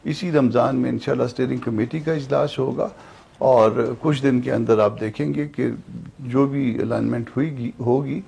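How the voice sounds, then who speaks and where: Man, Pakistani Urdu accent, gravelly and husky; a measured political guest who hesitates often. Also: mid-range voice. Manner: calm, hesitant with frequent fillers. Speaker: political party spokesman guest.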